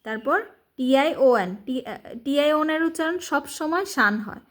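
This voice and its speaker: A woman with a fairly high voice works through a reading lesson slowly. She spells each word one letter at a time, asks herself how it is pronounced, and then gives the answer. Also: animated, a bit bright. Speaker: English reading tutor. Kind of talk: spelling and sounding out words for a lesson.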